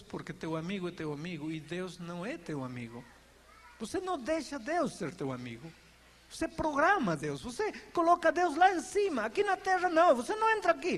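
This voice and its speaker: A male pastor preaching a sermon, acting out everyday conversations with lively shifts in voice and pace. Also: high voice. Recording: reverberant hall with faint background noise.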